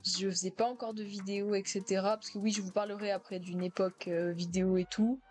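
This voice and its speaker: A teenage girl in high school, casually reacting to her own old comments, self-mocking, with many fillers and laughs. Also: flat delivery, brisk, music in the background. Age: teens.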